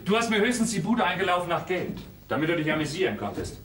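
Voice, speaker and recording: An actor playing a harried young sculptor, blunt and exasperated, recorded live on a roomy stage from a distance. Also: male voice, high voice, big pitch swings, fast talker, a little hiss or hum. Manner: exasperated, blunt, sometimes shouting. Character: harried young sculptor, man, curt with his ex.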